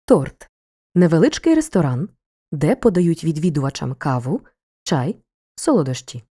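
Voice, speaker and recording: A woman narrating a scripted school lesson for children, explaining each point in a clear, measured way. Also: low voice, big pitch swings, warm tone. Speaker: teacher.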